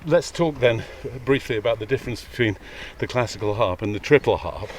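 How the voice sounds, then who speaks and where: Slightly winded as he climbs a hill, a man hosting a walking podcast interview poses brief, curious questions. He speaks a little fast in a fairly low, animated voice, recorded outdoors on a somewhat distant mic with faint noise.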